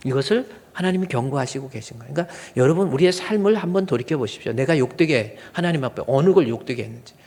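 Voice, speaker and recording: A man's voice: mid-range voice, expressive, fast talker, few pauses, darkish tone. A male pastor preaching a sermon with earnest emphasis, now and then acting out angry fathers in quoted asides. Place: church sanctuary. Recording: long hall reverb.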